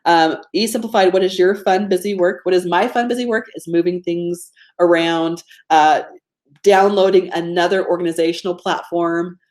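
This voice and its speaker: A woman's voice: lowish voice, fairly even intonation, moderate pace, darkish tone. A woman with a Georgia Southern accent hosting an informal online training, chatty and self-deprecating, often checking in with her listeners. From Georgia, United States. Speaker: host of a live online productivity training. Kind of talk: informal webinar teaching with audience interaction.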